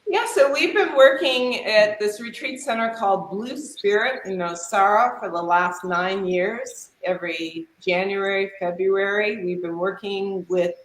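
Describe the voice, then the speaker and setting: A woman's voice: medium pitch, measured pace, few pauses. A middle-aged woman speaks reflectively as a yoga and retreat teacher, heard over a video call whose audio keeps cutting out, so her volume rises and drops unevenly. Her voice sits in a noticeably echoey room. A faint hiss of background noise runs underneath. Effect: remote call audio cutting out, uneven volume. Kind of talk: reflective conversational interview answers.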